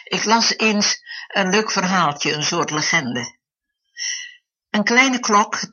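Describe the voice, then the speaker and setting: A preacher giving an earnest devotional talk, slowing down to stress key phrases. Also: mid-range voice, sharp tone, husky. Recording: dull lo-fi recording.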